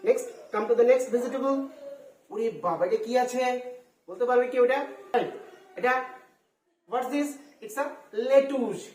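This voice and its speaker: A woman's voice: fairly high pitch, slow, pauses often, mellow. A woman teaching a home-school lesson for children, spelling words out letter by letter, mixing in English and asking the pupils "right?". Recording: roomy echo, far from the mic.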